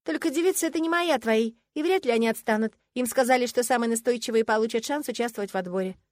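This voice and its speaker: A woman voicing a feisty young woman student in an audiobook, speaking in loud, indignant exclamations. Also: fairly high pitch, quick pace, no echo, studio quality, voice pushed up, close to an everyday voice.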